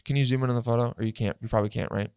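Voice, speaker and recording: Young male podcast co-host, blunt and candid, average pitch, dry close-miked sound. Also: steady tone, racing, darkish tone, clear, resonant tone, no echo. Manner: blunt, candid, many fillers and restarts. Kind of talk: casual podcast banter.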